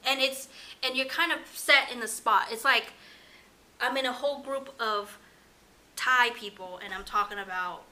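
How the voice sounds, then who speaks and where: Bright-voiced woman co-hosting a chat podcast. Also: a little high, moderate pace. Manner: chatty, laughs often, trails off. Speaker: podcast co-host. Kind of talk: casual chat.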